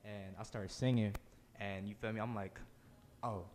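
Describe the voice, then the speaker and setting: A man's voice: fairly low pitch, steady tone, normal speed, darkish tone, a little hiss or hum. A young man in his twenties, from Indonesia, talking loosely and rambling as a musician guest in a casual live interview. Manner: loose, rambling, heavy use of "like" and "bro".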